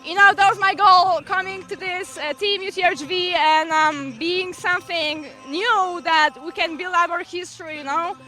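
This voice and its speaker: A woman's voice: very high-pitched, moderate pace, few pauses, pushed and bright. A young woman athlete answering in a post-game interview, conversational and a little hesitant. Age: young adult.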